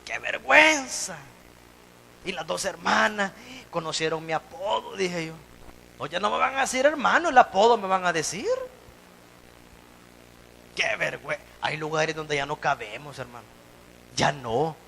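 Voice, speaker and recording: A man preaching an evangelical sermon, animated, swinging between loud and hushed, calling the congregation "brother". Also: on the high side, normal speed, vocal fry, long pauses, slight background noise, poor audio. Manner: addresses congregation as "hermano". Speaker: pastor.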